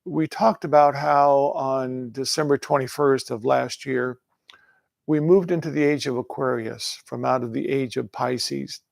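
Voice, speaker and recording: Male spiritual teacher, calm affirming delivery, gravelly texture, dry close sound. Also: mid-range voice, measured pace, dry recording. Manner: calm, repetitive affirming phrasing. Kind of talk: livestream meditation talk.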